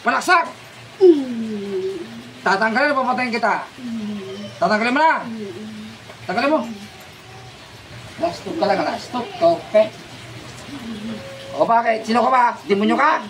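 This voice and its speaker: A woman folk healer leads a healing ritual, chanting prayers and then commandingly taunting and demanding answers in a confrontation. Her voice is on the high side, with lively intonation, a measured pace and long pauses. The background is noisy.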